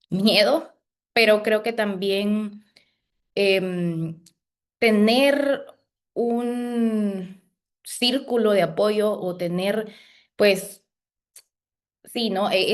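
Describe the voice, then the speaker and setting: Woman journalist, talks slow and halting, restarts a lot, podcast interview. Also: medium pitch. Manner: thoughtful, halting, many restarts and fillers. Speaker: community journalist.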